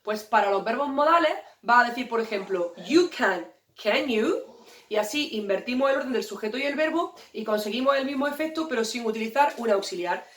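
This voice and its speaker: A woman's voice: a little high, lively intonation, fast talker, few pauses, fairly bright tone, distant mic. A woman teacher, explaining English grammar to students in a playful, joking way. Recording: echoey room, voice away from the mic.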